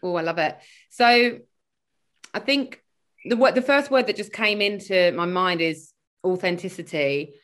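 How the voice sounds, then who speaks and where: A spiritual coach born in Sweden and raised in London joins a podcast by video call for a casual conversational interview, rambling and filling her speech with fillers. Her voice is on the low side and a bit bright, and she speaks at a measured pace.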